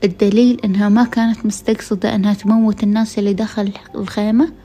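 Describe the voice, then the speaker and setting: Her voice worn from being sick all week, a woman with a Gulf Arabic accent tells a true story on her podcast, chatting directly with listeners. She speaks at a quick pace in a warm, medium-pitched voice with little pitch movement.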